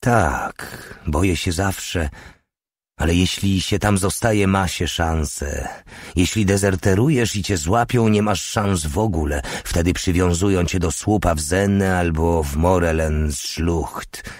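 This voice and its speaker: A man playing a weary, frank army lieutenant, calm and resigned. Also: low-pitched, unhurried, dry recording, studio quality.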